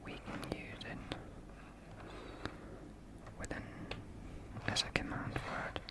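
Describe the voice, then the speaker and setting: Here a Finnish ASMR creator speaks in a gentle whisper, taking her time and giggling quietly at moments. Her Finnish accent is noticeable throughout.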